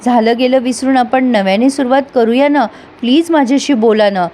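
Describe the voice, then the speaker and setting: A woman's voice: on the high side, fairly quick, warm tone, close to an everyday voice. A woman reading as a pleading, remorseful young husband. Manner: pleading, apologetic.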